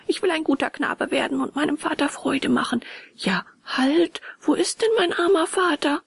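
A woman voicing an excitable young wooden puppet boy in a storybook reading, high and often whispered. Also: normal speed, vocal fry, no echo. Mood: pleading.

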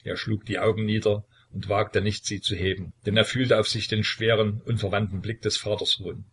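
Man, husky, low-pitched, dramatic audiobook narration. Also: little pitch movement, a bit bright. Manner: measured, dramatic reading.

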